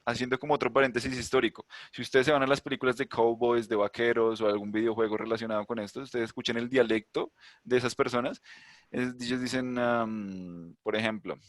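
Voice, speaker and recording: A man gives a virtual English lesson in a dry, close recording with little room sound. His voice sits at an ordinary pitch. He explains chattily, with asides and rhetorical questions. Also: flat delivery, fast, no echo. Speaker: English teacher. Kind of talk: online class explanation. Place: online virtual class.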